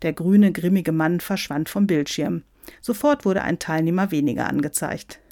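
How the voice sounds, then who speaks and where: A woman with a fairly low voice reading a humorous story aloud in a wry, lively way. The recording is dry and close, with no room sound. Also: moderate pace, no echo. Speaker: narrator.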